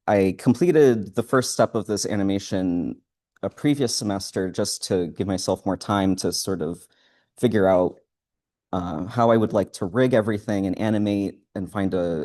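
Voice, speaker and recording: A man giving a student presentation in front of a live audience, speaking in a halting, hesitant way. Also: low voice, warm tone.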